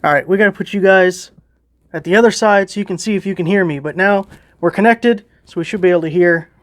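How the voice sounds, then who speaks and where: A high-voiced man talks fast as he narrates a casual, informal hands-on product test from behind the camera, moving around indoors through a house. As a product reviewer, he's self-deprecating.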